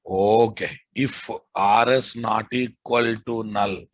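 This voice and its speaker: Husky Telugu-accented man teaching code. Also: on the low side, fairly even intonation, takes it slowly, no room sound. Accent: Telugu Indian. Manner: repeats phrases, informal asides to students. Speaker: programming instructor. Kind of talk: live coding lesson, dictating code.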